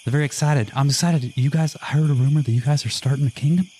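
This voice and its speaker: A man's voice: fairly high pitch, fast, background noise, pitched above the performer's own voice, lightly acted. A man putting on a chummy half-elf bro. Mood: excited. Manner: upbeat, bro-ish, eager. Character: chummy young-looking half-elf man, logger's son.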